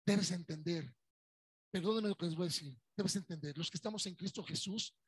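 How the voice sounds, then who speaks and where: Husky high-voiced Mexican pastor preaching. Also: male voice, brisk, no room sound. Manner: conversational preaching, acts out churchgoers' voices. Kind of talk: Sunday sermon.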